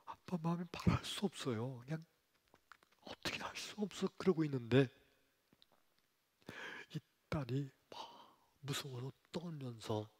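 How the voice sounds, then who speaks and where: A male pastor telling a sermon story with emotion, swinging from hushed to loud, in a church sanctuary. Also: on the high side, unhurried, long pauses, slightly rough. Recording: long church reverb.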